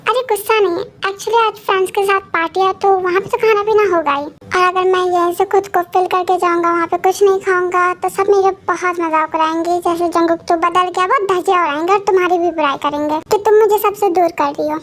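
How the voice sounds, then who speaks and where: A woman's voice: very high-pitched, steady tone, fast talker, hardly any pauses. Woman voicing a possessive young husband. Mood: coaxing. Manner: teasing, firm. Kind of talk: fan audio story voice acting.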